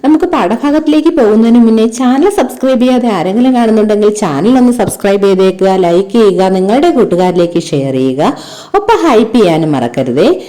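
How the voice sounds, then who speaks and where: Teacher host reading a lesson aloud, lively melodic voice, mellow tone, asks pupils questions. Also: female voice, mid-range voice, a little fast.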